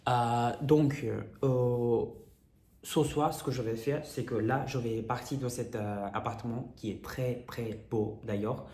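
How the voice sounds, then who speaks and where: A young man with a cracked, hoarse, strained voice, chatting casually in a candid, slangy, rambling storytime vlog. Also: medium pitch, fairly even intonation, a little slow, darkish tone. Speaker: vlogger. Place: indoors in an apartment. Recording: echoey room.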